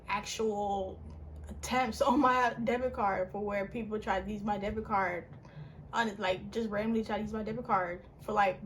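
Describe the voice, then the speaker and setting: Animated young woman telling a story. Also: slight background noise. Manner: animated, with big pitch jumps and frequent "like" fillers. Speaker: vlogger. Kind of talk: casual storytime.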